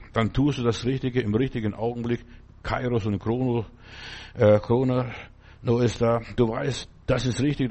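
A male preacher giving a folksy, conversational sermon with big swings in pitch and frequent asides asking whether the listener follows. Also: a little mellow.

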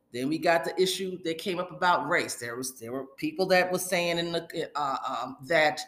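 A woman giving casual, opinionated reality TV commentary as a host, with colloquial sassy asides and animated retellings of what others said. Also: low-pitched. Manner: animated retelling, acting out others' quoted remarks. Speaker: host of a reality TV recap show. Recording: echoey, reverberant room.

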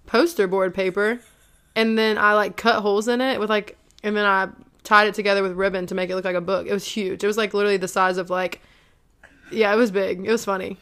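A woman's voice: medium pitch, level tone, brisk, a bit bright, smooth. A woman, co-hosting a podcast in casual chat, giggly and full of "like". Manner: giggly, filler-heavy, says "like" often. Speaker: podcast co-host.

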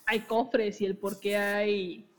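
Taking it slowly in a mid-range voice with little pitch movement, a young podcast host explains game lore in a chatty, giggly way, frequently cutting herself off and restarting. The recording is dull and lo-fi.

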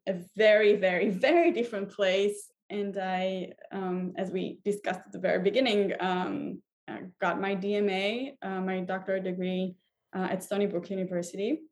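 A woman's voice: medium pitch, fairly even intonation, normal speed, a little mellow. A woman in her thirties, from Israel, talking as a violinist guest in an interview, thoughtful with many fillers and restarts. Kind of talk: casual interview talk.

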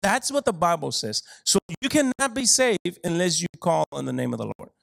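Brief: male preacher, lively sermon, playful humor, close dry mic. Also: moderate pace, gravelly, no echo, low-quality recording. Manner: animated, joking asides, laughs often, big swings in pitch and loudness.

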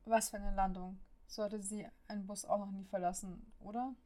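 At a normal speed, a woman narrates a story for an audiobook. There's very little pitch movement, and each sentence lands as level as the last.

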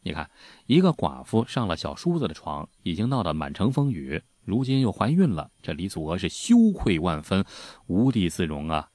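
Deep, lively male history storyteller. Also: moderate pace, hardly any pauses, no echo, clean studio sound. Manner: folksy, chatty, lots of filler particles. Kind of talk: casual spoken history storytelling.

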